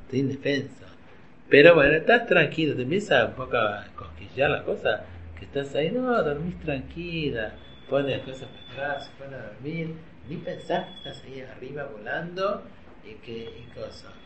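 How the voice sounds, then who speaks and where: A man's voice: mid-range voice, lively intonation, normal speed, fairly bright tone. A man with an Argentine accent gives a religious teacher's informal lecture to a class of women, constantly quizzing them with questions. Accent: Argentine Spanish. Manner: chatty, keeps quizzing the audience with questions. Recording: roomy, slightly dull recording with faint hum.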